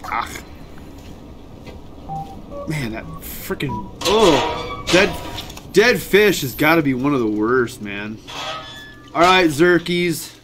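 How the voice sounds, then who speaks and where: A man hosting a gaming channel, giving excitable playthrough commentary and yelling at enemies on screen. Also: on the high side, slow pace, long pauses. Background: game music.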